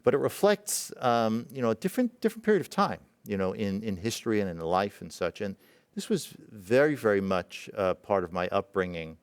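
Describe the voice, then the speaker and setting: Halting, reflective man with a low voice. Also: sing-song, clean tone, no echo. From Israel. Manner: halting, many fillers and restarts, reflective. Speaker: presenting physician. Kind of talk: personal story in a talk.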